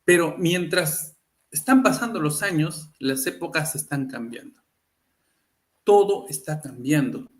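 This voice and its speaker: A man's voice: fairly high pitch, animated, a little slow. A man hosting a casual live talk, often turning to his listeners with rhetorical questions. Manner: keeps asking the audience rhetorical questions; acts out quoted people. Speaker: livestream host.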